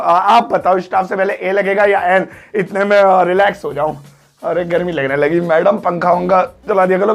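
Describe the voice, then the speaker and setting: A man teaching an English grammar lesson, joking and teasing his students and drawing words out slowly. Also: high-pitched, creaky. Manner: joking, playful teasing of students, drawn-out slow-motion sounds.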